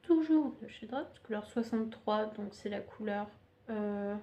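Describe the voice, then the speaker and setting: A young woman who podcasts about knitting talks at an unhurried pace in a medium-pitched, dark voice, captured on dull-sounding audio. Presenting her projects on camera, she's casual, chatty, and self-mocking, often hesitating and leaning on fillers.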